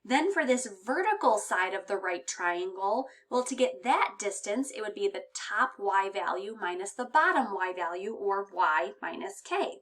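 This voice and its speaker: A high school math teacher, a woman, explaining a math lesson step by step with patient, clear reminders. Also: expressive, normal speed, hardly any pauses, fairly bright tone.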